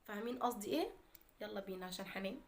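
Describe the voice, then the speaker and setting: A woman's voice: mid-range voice, very fast, heavy background noise. A woman with an Egyptian Arabic accent, chatting casually to her viewers in a daily vlog. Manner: chatty, talks straight to viewers. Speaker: vlogger.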